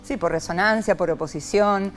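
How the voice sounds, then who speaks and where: A woman from Argentina, a psychologist, speaks at normal speed in a mid-range voice over soft background music. Her interview talk is reflective yet lively and expressive, sprinkled with rhetorical "¿no?".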